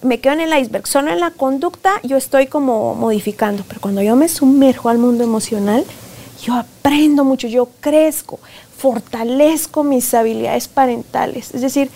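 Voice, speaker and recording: A woman, speaking as a guest expert in a conversational interview, animated and often acting out parents and children. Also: high-pitched, moderate pace. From Guatemala. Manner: animated, acts out parents and children in quoted voices. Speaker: positive discipline expert guest.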